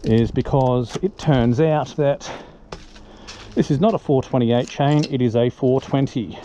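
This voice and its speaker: A man's voice: medium pitch, unhurried, dark tone, muffled recording. An Australian man talks through a motorbike repair in a loose, chatty, self-mocking way, puffing a little as he works. He is recorded on a helmet-mounted camera, and the audio is noisy, with clicks and clanks of tools behind him. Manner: chatty, self-deprecating, thinking aloud. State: out of breath. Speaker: motorbike DIY vlogger. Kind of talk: casual how-to talk while working. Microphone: helmet-mounted action camera.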